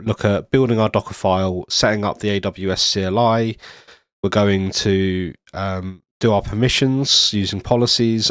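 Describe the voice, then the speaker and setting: A man's voice: fairly low pitch, no echo. A man narrating a screen-recorded coding tutorial step by step, ill and with a nasal, stuffy voice, speaking into a studio microphone. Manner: steady step-by-step explaining with occasional ums. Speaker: tutorial presenter. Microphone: studio USB microphone.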